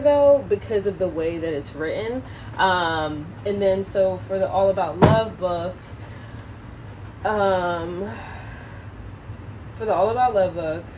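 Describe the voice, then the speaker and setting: In a fairly low, darkish voice, a young woman rambles through an informal livestream chat leading into a book reading, hesitant and self-conscious and full of slang. The recording is rough, with a little hiss or hum.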